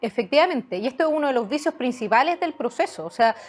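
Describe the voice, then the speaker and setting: A woman's voice: sits high, expressive, fast talker. A woman answering interview questions as a guest author, hesitating often with fillers and restarts.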